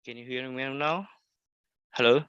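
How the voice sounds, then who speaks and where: A man's voice: mid-range voice, fairly even intonation, measured pace, fairly bright tone, smooth, dry recording. A man on a video call that keeps dropping out, speaking hesitantly as he reconnects. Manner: hesitant, searching for words. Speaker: guest presenter. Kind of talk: technical presentation over a video call. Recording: dull lo-fi call audio, dry.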